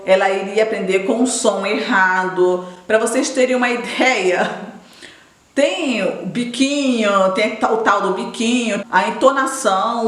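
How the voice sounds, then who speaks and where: A middle-aged woman with a Brazilian Portuguese accent talks straight to her viewers in a loose, chatty way, often breaking off and restarting. Her voice sits fairly high, and the recording carries a noticeable roomy echo. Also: fairly bright tone. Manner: chatty, addresses viewers directly, frequent restarts. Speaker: vlogger and educator. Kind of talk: casual chat to viewers.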